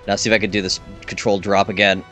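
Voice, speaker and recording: A man's voice: lowish voice, level tone, racing, a bit bright, soft background music. A man casually chatting while streaming a video game, narrating his play with playful asides. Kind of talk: casual gaming stream chat.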